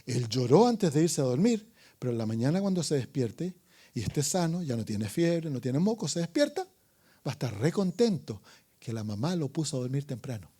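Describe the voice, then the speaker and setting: Here a pastor with a husky, medium-pitched voice preaches evangelistically at a moderate pace, his pitch swinging widely. The delivery is dramatic, shifting from loud calls to hushed asides, with questions put to the congregation and calls for amens.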